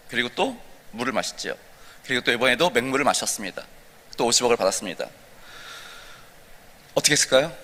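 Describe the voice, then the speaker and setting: A man's voice: mid-range voice, pushed and bright. A male pastor preaching a sermon at an early-morning prayer service, telling a story and asking the congregation questions. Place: church sanctuary. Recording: long church reverb.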